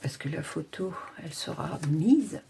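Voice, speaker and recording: A woman's voice: low-pitched, lively intonation, unhurried, creaky, background noise. A woman hosting a casual crafting tutorial, chatting and thinking aloud as she works.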